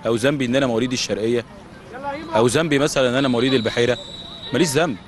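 A middle-aged man with an Egyptian accent, a youth club official answering interview questions on a handheld mic at an outdoor football pitch at night. He argues heatedly and fires off rhetorical questions. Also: fairly even intonation, rapid-fire. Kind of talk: studio-style interview answers.

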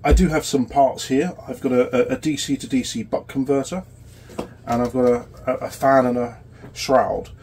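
A UK electronics repair channel host in his forties, suffering a cold and a sore throat, gives a casual tutorial in a small electronics workshop. He explains haltingly with many fillers, in a mid-range, darkish voice with fairly even intonation, over a little hiss or hum.

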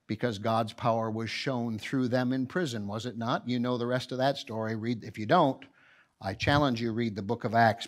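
A man preaching in church, his voice sitting in an ordinary middle pitch. He tells the stories with gusto, putting on voices for the characters, then falls to a near-whisper when he turns to prayer. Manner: animated storyteller, acting out voices, swinging from hushed to loud. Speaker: pastor. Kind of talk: sermon.

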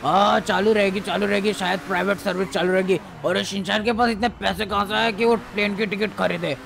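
Man playing a gravelly gruff criminal. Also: high voice, fairly even intonation, brisk, background noise.

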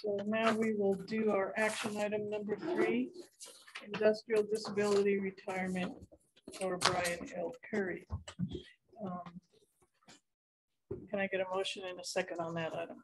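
A woman chairing a public board meeting, hoarse from losing her voice, speaking in brief procedural turns. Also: mid-range voice, little pitch movement, moderate pace, pauses often, noisy background.

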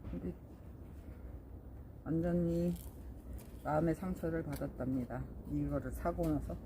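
A woman's voice: low-pitched, fairly even intonation, measured pace, mellow, a little hiss or hum, rough recording. A middle-aged woman vlogging casually about her succulents, chatting to viewers as she plants in a greenhouse. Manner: chatty, talks to viewers while working. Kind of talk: casual chat while planting.

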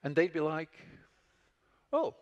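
A man's voice: medium pitch, very animated, fairly quick, creaky, in a large hall, lo-fi sound, slight background noise. A man giving a talk, telling an anecdote and acting out the dialogue as he goes. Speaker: conference speaker. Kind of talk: storytelling talk.

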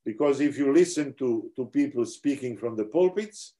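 Warm-toned and animated, a middle-aged man with a Serbian accent speaks at normal speed in a mid-range voice while lecturing on theology over a video call. It's an online seminar, and he explains earnestly, restarting often.

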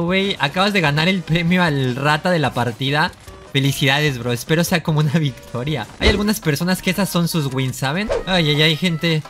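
A young man giving lively gameplay commentary, excitable and repeating his exclamations as he trash-talks opponents. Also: fairly high pitch. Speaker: gaming YouTuber. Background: background music.

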